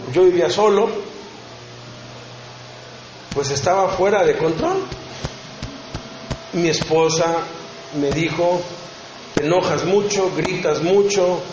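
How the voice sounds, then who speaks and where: A man's voice: high-pitched, darkish tone, slight background noise. A man preaching a sermon, earnest and personal, acting out short dialogues as he tells his story. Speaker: preacher at a prison ministry congress. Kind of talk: sermon teaching. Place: conference hall. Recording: echoey hall, dull sound.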